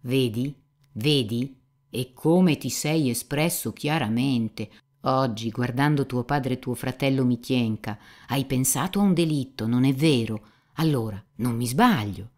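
A woman's voice: very deep voice, a little slow, darkish tone, pitched above the performer's own voice. A woman voicing a cynical, gossipy young male seminarian who mocks and insinuates, in an audiobook reading. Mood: probing. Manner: mocking, insinuating, talkative.

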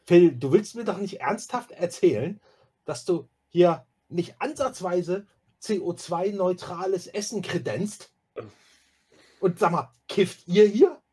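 A man's voice: a little high, measured pace. A man voicing a pompous, indignant male vegan official who lectures about the law. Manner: stiff, lecturing, outraged.

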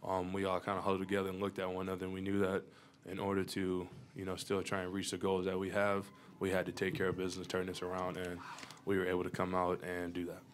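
Talking fast in a low, monotone voice, a young college basketball player fields questions after a game. He's confident and playful, going on in long runs into the table mic at a press conference room with a sponsor backdrop.

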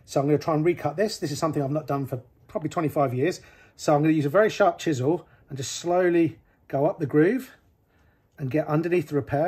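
A middle-aged man from Britain, a ski technician, talking through a hands-on repair in a small workshop in a practical, relaxed way with some fillers. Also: fairly high pitch, gravelly.

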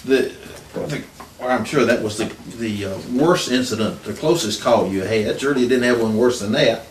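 A man's voice: mid-range voice, moderate pace. An older man interviewing informally, with a tentative, conversational way of asking questions. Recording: echoey room, distant mic, faint noise.

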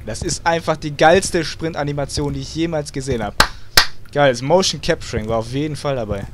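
A young man talks over a horror game, sarcastic and quick to swear, dropping English words into his talk. His voice sits a little high, and the home recording carries a clear layer of background noise. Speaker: let's play gamer.

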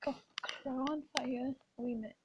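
Dull, lo-fi audio from a close laptop webcam, with clear background noise, captures a teenage girl, a vlogger, chatting casually with her friend in a school hallway. She sits high in pitch with a steady tone and measured pace. She's bossy and giggly, occasionally dropping into a whisper.

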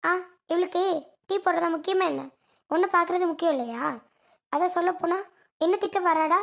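A woman's voice: very high-pitched, moderate pace, creaky, a bit bright, exaggerated voice. A woman playing a fussy grandmother in a family comedy skit, who nags, complains and lectures. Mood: scolding. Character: fussy scolding grandmother, protective of baby.

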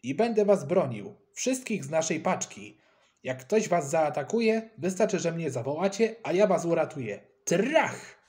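A man's voice: on the high side, very animated, measured pace, a little mellow. A man voicing a boastful schoolboy who is proud of his judo, talking in a cocky, dismissive way.

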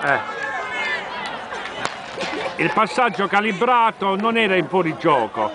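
A man giving excited amateur football commentary in repeated exclamations from behind a handheld camera outdoors. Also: slow pace. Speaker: amateur match videographer and fan. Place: outdoors at a small football ground. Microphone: handheld camera, operator behind it. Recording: noisy outdoor pitch, loud crowd. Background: crowd and loud outdoor noise.

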